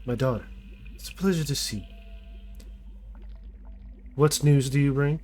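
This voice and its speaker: An aloof, regal serpent demon queen, played by a man in a tabletop role-play. The serpent voice is formal and calculating, a mother addressing her child from on high. Music plays behind it. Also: a little slow, mellow, close to an everyday voice. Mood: regal, welcoming.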